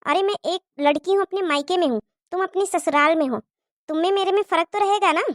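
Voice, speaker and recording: A woman's voice: extremely high pitch, fast, dry recording, studio quality. A woman voicing a spoiled, mocking young sister-in-law in a cartoon moral story. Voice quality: mocking, sneering.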